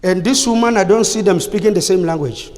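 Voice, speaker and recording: A high-pitched male prophet speaks in slow, emphatic pronouncements. His voice rings with the long reverb of a large church hall, stretching each word for weight. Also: darkish tone. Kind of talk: prophetic ministry in a church service.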